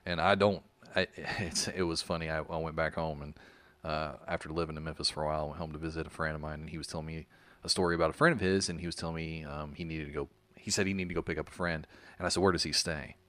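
Low, fast-talking man with Arkansas country drawl. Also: fairly even intonation, fairly bright tone, no echo. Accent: Arkansas country Southern. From Arkansas, United States. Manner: rambling, self-deprecating. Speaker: podcast co-host. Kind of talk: casual conversational storytelling.

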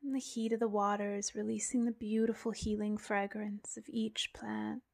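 A woman softly narrating a guided relaxation like a sleep story, half-whispering with long pauses. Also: mid-range voice, level tone, creaky.

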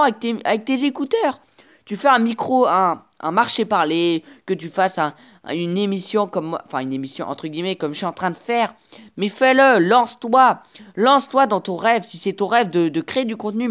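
Woman, podcast host, casual solo monologue, motivational, halting with fillers, earphone mic. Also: medium pitch. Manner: chatty and motivational, speaks straight to the listener; halting, with frequent restarts and filler sounds. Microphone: earphone headset mic.

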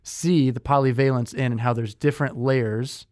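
A young man co-hosting a podcast, speaking at a mid pitch. He chats loosely, with lots of "like" and "um" and plenty of restarts. The recording is dry and close, with no room sound. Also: fairly even intonation, normal speed, a little mellow, no room sound. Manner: chatty, with many fillers and self-corrections. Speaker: podcast co-host. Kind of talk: casual conversational chat.

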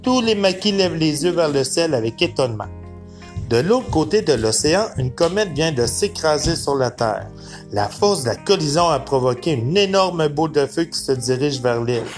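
A man's voice: fairly high pitch, normal speed, soft background music. Man reading a storybook aloud. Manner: expressive, dramatic reading. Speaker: narrator.

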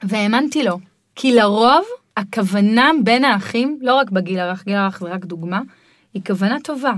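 A middle-aged woman guiding parents in a podcast conversation, explaining in a lively way and sometimes mimicking children's voices. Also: mid-range voice, no room sound, studio quality. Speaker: parenting guide.

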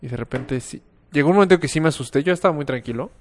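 Mexican man, podcast co-host, slightly high voice, storytelling, trails off softly. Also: very fast. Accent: Mexican Spanish. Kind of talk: casual podcast chat.

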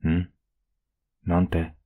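A young man with a Kansai accent in a whispered role-play as a blunt, rough-spoken boyfriend who is caring underneath, recorded close up at home. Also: deep voice, monotone, very slow, narrow, tinny audio. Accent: Kansai Japanese. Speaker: voice actor playing a boyfriend.

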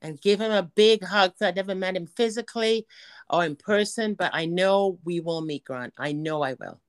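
A woman hosts a relaxed podcast conversation with a slightly low voice. She heaps affection on her guest with pet names and encouragement. The sound is dry and close. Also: normal speed, smooth, no echo. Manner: affectionate, calls guest honey and girl. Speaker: podcast host. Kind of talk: casual podcast chat.

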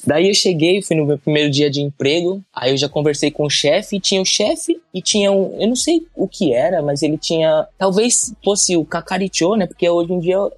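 A man's voice: sits high, lively intonation, a little fast, hardly any pauses, no room sound. A Brazilian man in his twenties, a podcast guest telling a long story in a casual, rambling way with frequent tag questions. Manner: loose anecdotal telling, filler "né" tags. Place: podcast studio.

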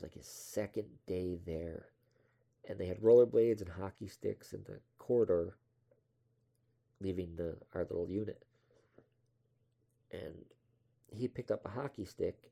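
Young guy rambling thru an old story, deep gravelly voice, pretty dark tone, swears a bit. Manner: rambling, offhand and self-deprecating, swears casually. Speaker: storyteller recounting his past. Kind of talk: casual spoken storytelling.

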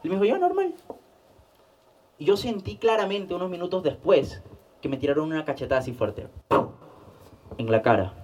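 A man's voice: a little high, fairly quick, long pauses, darkish tone. Young guy with a peruvian accent telling his story, repeats stuff for emphasis, kinda far from the mic. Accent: Peruvian Spanish. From Peru. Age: young adult. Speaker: interview guest. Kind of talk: personal life story told in conversation.

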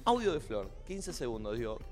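A man's voice: medium pitch, very animated, moderate pace, darkish tone, big-room sound, soft background music. A man with a Rioplatense accent, co-hosting a casual chat and repeating his lines to hold the floor while he tells a story. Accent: Rioplatense Spanish. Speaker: co-host.

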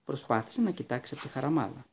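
A man narrating a children's book aloud with lively, expressive storytelling. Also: medium pitch, slight background noise. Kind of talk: audiobook reading of a children's book.

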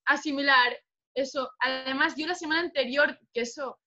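A woman's voice: sits high, fairly even intonation, moderate pace, pushed and bright. A woman fighter chatting casually, telling a story animatedly and swearing freely. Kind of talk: casual chat. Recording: dull lo-fi sound.

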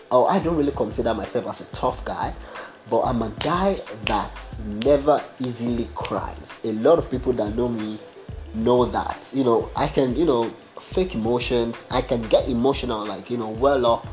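A man's voice: mid-range voice, a little mellow. A young man sharing a personal faith testimony in casual, slangy talk full of fillers and restarts. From abroad, studied as international student. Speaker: podcast guest sharing testimony.

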